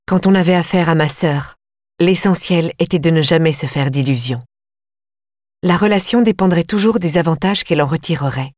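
Low-voiced woman narrating a novel. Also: moderate pace, darkish tone, no room sound, clean studio sound. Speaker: audiobook narrator. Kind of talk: first-person novel narration.

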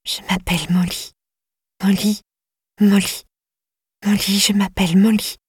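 A woman's voice: mid-range voice, flat delivery, unhurried, a little mellow, husky, no echo, clean studio sound, pitched above the performer's own voice. A woman reading as a frightened kidnapped young woman who stammers out her name in a whispered role-play. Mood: pleading.

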